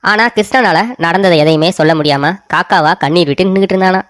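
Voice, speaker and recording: A man's voice: high-pitched, quick pace, a bit bright, no echo, clean studio sound. A man narrating a comic cartoon story in a casual, colloquial way.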